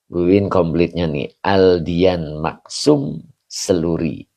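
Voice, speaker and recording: A man, an Islamic teacher greeting online viewers by name in a chatty way, often chuckling and clearing his throat. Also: low-pitched. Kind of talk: greeting viewers of an online religious study session.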